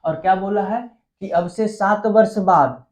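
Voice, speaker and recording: A man's voice: high-pitched, unhurried, a little mellow. A man teaching an exam-prep math lesson. He keeps asking the class questions and answering them himself in a chatty, coaxing way.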